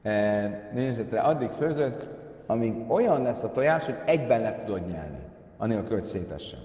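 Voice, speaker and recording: A man's voice: lowish voice, expressive, dark tone. A man giving a Talmud lesson. He reads out Aramaic lines and then explains them, with many filler sounds. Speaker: Talmud teacher. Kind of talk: Talmud lesson retelling stories. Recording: echoey hall, far from mic, dull sound.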